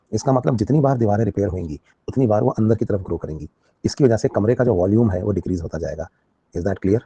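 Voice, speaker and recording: Fast-talking male teacher, husky and dark. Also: fairly low pitch, no room sound. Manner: explains with everyday examples and frequent check-in questions. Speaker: biology teacher. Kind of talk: live online class lecture.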